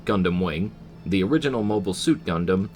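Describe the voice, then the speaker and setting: A man's voice: sits low, expressive, a little fast, a little mellow, a little hiss or hum. An American man narrating a scripted retro game review as the reviewer, with wry, casual asides.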